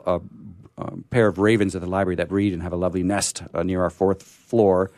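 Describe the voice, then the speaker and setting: A deep-voiced man hosts a radio show, talking casually and off the cuff in a flat, slightly mellow delivery. He has a sore throat and keeps stammering and restarting mid-phrase, so his speech comes out halting. The recording has no echo.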